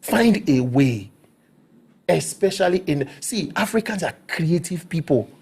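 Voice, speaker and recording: A middle-aged man with a Nigerian accent talks as an interview guest. His voice sits somewhat high for a man, and he delivers his points emphatically, like a preacher. He keeps asking whether the listener follows him. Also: big pitch swings, unhurried, a little mellow, husky. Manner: emphatic, preaching, repeats himself with "do you understand me?". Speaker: actor guest. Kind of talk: interview talk.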